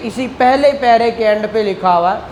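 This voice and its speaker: A law lecturer with a Pakistani accent, speaking at normal speed in a high, slightly mellow voice, teaches a class indoors. He puts questions to students and repeats key phrases in a didactic way. The room echoes and background noise is clear.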